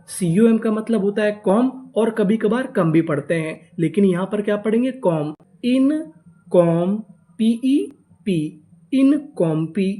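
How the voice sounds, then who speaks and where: Mellow-voiced teacher drilling spellings. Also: medium pitch. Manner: spells words out letter by letter, then drills them with repeated questions; slow and deliberate on sounded-out words. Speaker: English reading teacher. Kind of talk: classroom phonics lesson.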